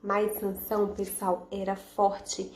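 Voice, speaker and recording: A woman's voice: mid-range voice, monotone, takes it slowly, a little mellow, rough recording. A Brazilian woman speaking like a kids show host, teaching a children's Bible lesson with simple repeated questions and emphatic key words.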